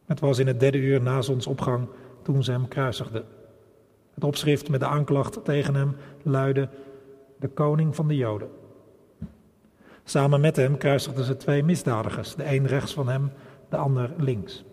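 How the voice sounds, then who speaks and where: A man leading a service as pastor, first speaking plainly and then reading scripture aloud in a calm, measured way with occasional hesitations. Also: mid-range voice, husky, long reverb tail.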